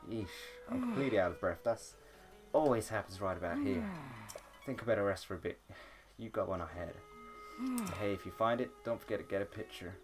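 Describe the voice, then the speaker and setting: Brief: man voicing an old hiker NPC, out of breath, plain low voice, game music loud behind. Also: sing-song, a little fast. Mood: tired. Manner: breathless, apologetic. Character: weary old man traveler on a hill.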